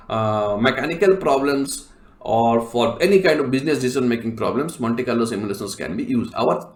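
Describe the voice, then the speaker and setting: A male professor giving a recorded lecture, explaining step by step with many fillers and frequent throat clearing. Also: medium pitch, reverberant, slight background noise.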